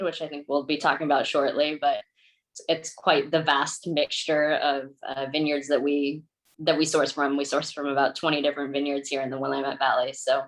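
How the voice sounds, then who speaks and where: A woman's voice: low voice, low-quality recording. A woman in her thirties or forties from Oregon with an American accent, giving an informal presentation as a winemaker. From Oregon, United States. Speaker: winemaker introducing herself.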